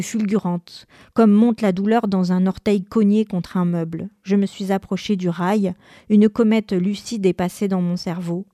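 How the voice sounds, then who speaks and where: Mellow-voiced woman reading a novel aloud. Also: medium pitch, no room sound, clean studio sound. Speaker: reader. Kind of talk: literary reading of a first-person novel.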